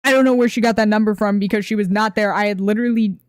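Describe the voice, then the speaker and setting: A woman streamer telling a workplace story to her chat in a casual, animated way, swearing freely. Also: mid-range voice, fast, clear, resonant tone, no room sound, studio quality. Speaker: streamer reacting to videos.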